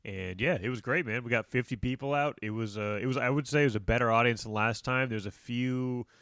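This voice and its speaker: A man's voice: medium pitch, a little fast, fairly bright tone, clean tone, no room sound, studio quality. A man telling stand-up gig stories in a casual chat, laughing often and acting out the people he quotes. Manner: loose, laughing storyteller who acts out quoted people. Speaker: stand-up comedian and podcast co-host.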